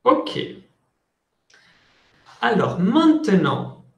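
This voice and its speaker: A man in his thirties teaches French online, speaking slowly and carefully in a fairly high voice. He explains patiently, step by step, on an earphone mic. The room around him sounds echoey. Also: wildly swooping pitch, gravelly. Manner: slow, deliberate, switches between French and Spanish explanations. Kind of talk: online language lesson. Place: office with window blinds. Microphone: earphone headset mic on video call.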